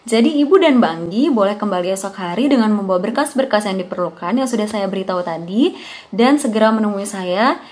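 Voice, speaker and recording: A woman's voice: medium pitch, lively intonation, fast talker, darkish tone, natural voice. Woman role-playing female bank officer, customer service voice, formal, patient, apologetic, courteous. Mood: apologetic, firm.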